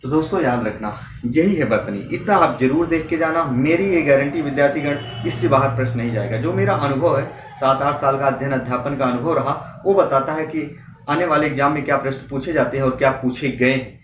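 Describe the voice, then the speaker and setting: A man's voice: mid-range voice, brisk. A young man teaching Hindi spelling for exams, earnestly drilling correct and wrong forms and urging his students on. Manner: motivating, addresses students directly. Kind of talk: exam-prep spelling lesson. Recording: echoey room, from a distance, dull sound with faint noise.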